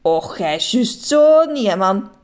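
A woman's voice: medium pitch, slow. A woman voicing a cheerful, playful grandmother with a Flemish accent, calling out affectionately and teasing. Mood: joyful, teasing. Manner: teasing, affectionate, excited calls.

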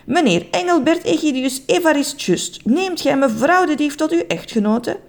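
A woman's voice: sits high, expressive, normal speed, pitched above the performer's own voice. A woman doing a solemn, sing-song storybook wedding officiant. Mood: ceremonial. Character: solemn male officiant, a know-it-all creature.

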